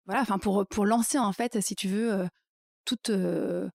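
A woman's voice: mid-range voice, moderate pace, gravelly, darkish tone, dry recording, clean studio sound. A woman guest in a casual interview, telling her career story with many fillers and acting out her own inner thoughts.

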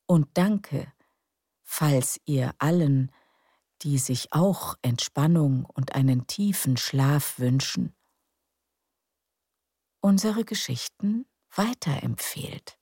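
A woman narrating sleep stories for adults in a hushed, calm, soothing, breathy and creaky voice, often close to a whisper. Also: low voice, slow, long pauses, dry recording. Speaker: sleep story narrator and podcast host. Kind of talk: soothing scripted bedtime story narration.

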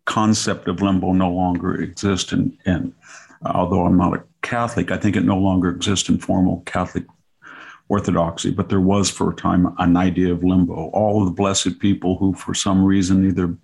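Older male scholar, low creaky voice, professorial and digressive, explaining in conversational style. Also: flat delivery, normal speed, darkish tone. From grew up on a farm. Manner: professorial, digressive, self-rephrasing. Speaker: scholar guest explaining classics.

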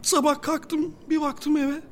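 An actress playing a frantic, clingy younger sister who talks in a whiny, tearful way. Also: female voice, sits high, flat delivery, slow. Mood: anxious. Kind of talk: audio drama acting.

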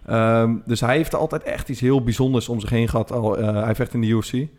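A man's voice: mid-range voice, steady tone, fairly quick, darkish tone. A man, co-hosting a casual podcast chat and telling rambling stories full of fillers. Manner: rambling storyteller with many fillers. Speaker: podcast co-host.

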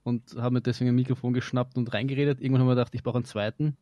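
An Austrian man of middling pitch who talks at a brisk clip. He is wry and casual, a podcast guest joking as he tells his stories. The sound is dry, with hardly any room on it. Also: little pitch movement, mellow, no room sound, dull audio. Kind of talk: casual chat.

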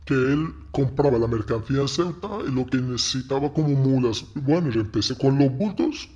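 A man from Morocco, telling his story in an interview in a halting way, repeating words. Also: mid-range voice, darkish tone, lo-fi sound. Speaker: interviewee, former smuggler. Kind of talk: interview testimony.

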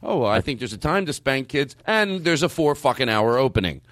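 A man hosting a podcast in casual comedic chat, rambling and halting as he keeps interrupting himself. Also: mid-range voice, very animated, fairly bright tone, dry recording. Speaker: podcast host.

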